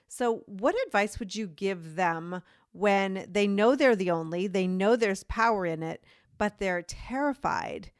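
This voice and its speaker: Female podcast host, smooth and clear, encouraging and supportive, dry close recording. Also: medium pitch, a little slow, no room sound. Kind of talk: interview conversation.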